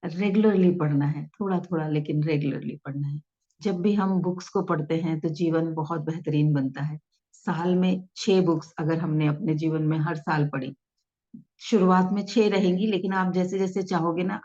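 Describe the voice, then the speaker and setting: A woman with a fairly low voice gives a patient lesson, going over her points more than once. She reads passages aloud with expression as she explains. The sound is dull and lo-fi. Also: steady tone, moderate pace, mellow. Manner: demonstrates reading aloud with expression. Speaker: self-help teacher. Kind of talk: explanatory talk to camera.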